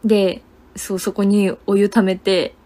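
A young woman telling a story in casual livestream chat, animated and laughing often, with lots of fillers. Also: mid-range voice, unhurried. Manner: chatty, many fillers and gesturing words. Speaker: idol livestreamer.

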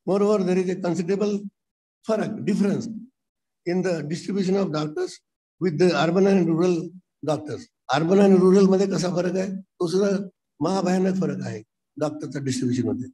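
Older guy lecturing med students, slow and mellow, reads out english then explains. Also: high voice, poor audio. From India. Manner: reads English lines slowly, then explains them in Marathi. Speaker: guest speaker to medical students. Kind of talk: motivational lecture. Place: college lecture hall.

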